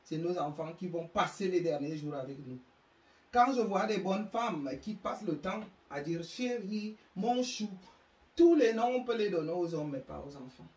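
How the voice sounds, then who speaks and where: A woman's voice: lowish voice, expressive, normal speed, darkish tone. A woman from Africa lectures on parenting, emphatic and scolding, often stumbling over repeated words. Her voice rings in an echoey room. She stands at some distance from the mic. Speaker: speaker giving parenting advice. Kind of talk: impassioned monologue to an audience. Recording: roomy sound, mic far off.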